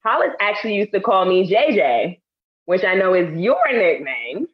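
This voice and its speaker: A woman's voice: mid-range voice, big pitch swings, normal speed, highs cut off. A woman from Harlem, New York, co-hosting a casual chat and telling stories with a laugh. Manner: laughing, chatty storyteller. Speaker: co-host.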